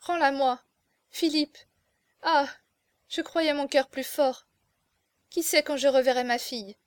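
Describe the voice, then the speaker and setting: A woman's voice: high voice, moderate pace, a little mellow, no room sound, close to an everyday voice. A woman voicing a frightened young noble mother, trembling and tearful, in an audiobook. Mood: sobbing. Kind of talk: audiobook character voice.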